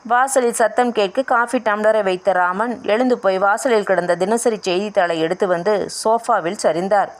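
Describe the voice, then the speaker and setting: A woman's voice: mid-range voice, moderate pace, few pauses. A woman reading a family novel aloud as an audiobook narrator, voicing the dialogue in her own voice.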